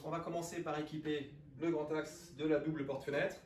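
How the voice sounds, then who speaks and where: A DIY host in his forties narrates a casual step-by-step project in a home room by the windows, explaining each stage plainly and matter-of-factly. His voice is on the high side and darkish, with little pitch movement and a slightly fast pace. The mic is distant, so the roomy space sounds echoey, with background noise.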